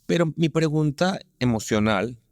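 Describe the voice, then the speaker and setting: A man's voice: on the high side, lively intonation, moderate pace, darkish tone, no room sound, clean studio sound. Attentive man from Venezuela hosting an interview. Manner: attentive, frequent short affirmations. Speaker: interview host. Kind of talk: conversational interview.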